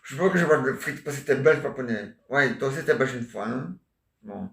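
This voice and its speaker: A man's voice: medium pitch, lively intonation, fairly quick, creaky, a bit bright. Rambling joking man in an echoey room. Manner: meandering, jokey, filler-heavy. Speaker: vlogger.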